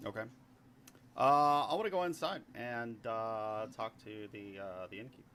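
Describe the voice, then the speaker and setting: A man's voice: lowish voice, normal speed, fairly bright tone, slight background noise. A man playing in a tabletop game, talking casually and easily. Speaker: player.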